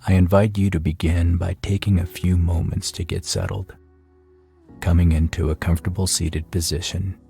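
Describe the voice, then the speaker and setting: Guiding a meditation, a man uses a relaxed voice that's very low, dark, and gravelly, backed by faint soft music. He stays soothing and steady, never rushing, with long silences between his phrases.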